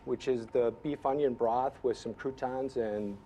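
A man's voice: mid-range voice, steady tone, measured pace, dark tone, a little hiss or hum. A male chef describing dishes in a live interview, speaking plainly with many fillers. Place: restaurant dining room.

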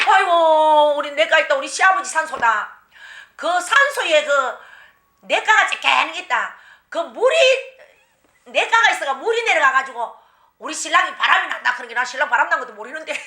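A woman shaman with a Gyeongsang accent telling her own story, animated and often laughing, acting out the people she quotes. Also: high-pitched. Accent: Gyeongsang Korean. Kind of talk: personal storytelling. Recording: echoey room.

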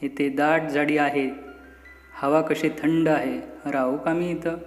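A man's voice: a little high, steady tone, slow. A man voicing a big lion who speaks politely and humbly in a children's storybook reading. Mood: humble. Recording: echoey room, faint music behind.

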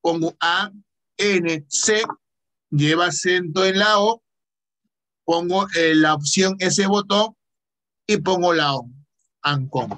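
A man's voice: high voice, takes it slowly, pauses often, a bit bright. A male teacher with a Peruvian Spanish accent giving a patient online computer lesson, asking questions and then answering them himself.

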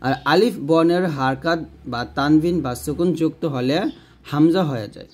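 A man giving a pronunciation lesson for Quran recitation, patiently explaining and slowly drawing out each letter sound. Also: on the high side. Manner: slow, drawn-out demonstration of letter sounds.

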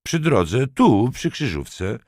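A man's voice: mid-range voice, big pitch swings, slow, darkish tone, no echo, clean studio sound, pitched above the performer's own voice, heavily acted. A man voicing an elegant retired older army officer who speaks carefully and stresses each syllable. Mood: recounting. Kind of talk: audiobook character voice.

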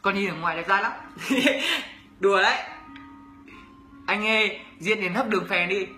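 A young adult man from Bac Ninh with a Northern Vietnamese accent chats casually on a livestream as a YouTuber, reading viewers' questions and comments aloud and teasing them as he answers. His voice sits high and comes across pushed and bright at a measured pace. The room is echoey, with soft music in the background.

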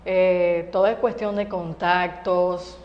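A woman's voice: fairly low pitch, little pitch movement, slow, in a large hall, lo-fi sound. A young Venezuelan woman singer chatting casually as an interview guest, laughing often and talking through lots of fillers. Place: TV studio set.

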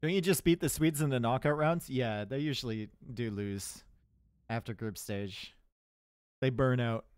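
An esports caster with a Canadian accent delivers chatty, joking live commentary on a match, mixing in chat banter and dry sarcasm. His medium-pitched voice is unhurried and clean with no echo, though he shouts loudly with excitement when things get tense.

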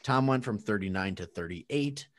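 A man's voice: fairly low pitch, lively intonation, moderate pace, fairly bright tone. Laughing man reading golf standings. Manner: reads out standings, laughing often. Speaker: podcast co-host tallying the picks. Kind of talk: casual chat among friends.

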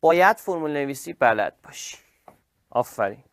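A man teaching an online chemistry class, lively and praising his students by name. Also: a little high.

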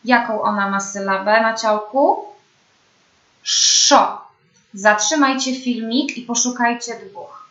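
A young woman speech therapist giving a slow, patient lesson to children, with careful, clear pronunciation. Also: a little high, fairly bright tone. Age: young adult. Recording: dull, roomy home recording.

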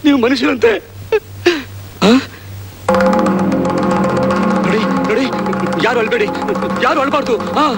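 An actor playing a devoted village brother, pleading and repeating himself in anguish. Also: male voice, very high-pitched. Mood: accusing, then tender grief. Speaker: elder brother.

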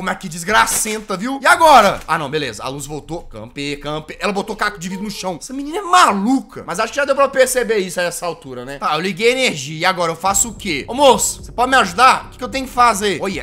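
A man from Brazil narrates his own horror game run in rapid, jokey bursts. His voice sits high and bright and swings wildly in pitch, and he shouts whenever he is startled. Faint music plays behind him. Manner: excitable, jokey, shouts when scared. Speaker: gaming YouTuber. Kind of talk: let's play commentary.

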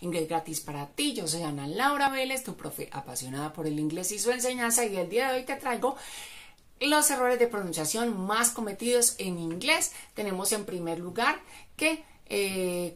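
A woman with Spanish as her first language, teaching English pronunciation and repeating each word slowly for practice. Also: mid-range voice, animated. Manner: repeats words slowly for drilling. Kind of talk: pronunciation lesson.

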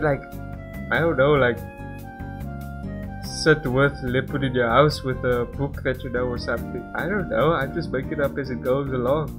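A young man doing a casual let's-play, reading game text aloud and breaking off into rambling commentary. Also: medium pitch. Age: young adult. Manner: rambling, self-interrupting. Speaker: gaming channel host. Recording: music behind the voice.

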